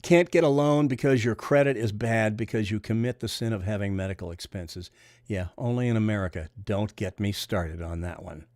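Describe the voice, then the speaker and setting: An older bowling coach with a Missouri accent chats casually on a livestream, his deep, nasal voice rambling as he reads viewer comments aloud before answering. He moves at a moderate pace with a slightly mellow feel. The studio-quality recording has no room sound.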